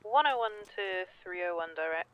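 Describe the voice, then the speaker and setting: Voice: mid-range voice, animated, a little fast. Officer calling in over a police radio. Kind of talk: radio codes. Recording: muffled radio with faint noise.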